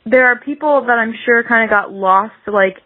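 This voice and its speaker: This singer-songwriter, a young woman on a podcast, talks at a normal speed in a fairly high voice. Her answers wander casually, thick with the filler word "like." The audio is dry and comes through a dull, lo-fi, radio-style line.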